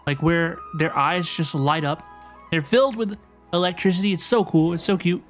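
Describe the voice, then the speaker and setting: A young woman streaming a game, chatty and excitable, with slangy casual talk. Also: on the low side, normal speed, faint music behind.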